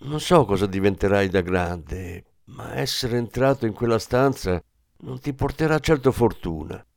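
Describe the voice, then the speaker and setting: Superstitious worried mother, hushed and grave , read by a man, low and dry, storybook reading. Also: expressive, unhurried, creaky, no echo. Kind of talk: audiobook reading.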